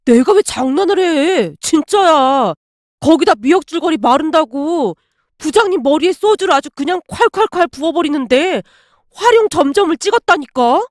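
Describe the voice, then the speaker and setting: A woman voicing a blunt, easygoing young office coworker who talks fast. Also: sits high, lively intonation, dry recording, studio quality. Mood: blunt excited.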